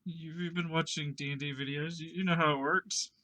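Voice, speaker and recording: Bright-voiced man in casual gaming banter. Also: a little high, steady tone, brisk. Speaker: co-player on a gaming show.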